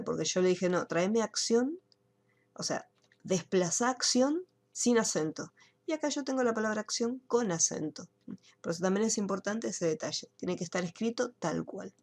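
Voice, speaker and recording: Woman, online software instructor; patient step-by-step delivery, gravelly edge. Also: mid-range voice. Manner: explains step by step, checks in with students. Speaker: computer course teacher. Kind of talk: screen-share software tutorial.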